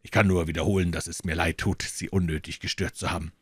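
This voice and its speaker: A man voicing a calm, dry-witted male detective with a measured, polite manner, in an audiobook reading. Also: deep voice, husky, dry recording.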